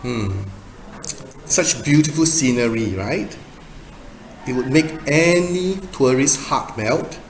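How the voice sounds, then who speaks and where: A man in his fifties from Singapore, giving an academic presentation in a measured, emphatic way with rhetorical questions. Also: medium pitch, animated. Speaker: guest speaker, doctoral researcher. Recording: echoey room with faint noise.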